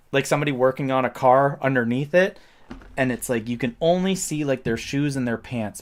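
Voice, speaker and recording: A man narrating as game master of a tabletop game, describing scenes loosely with many fillers. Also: mid-range voice.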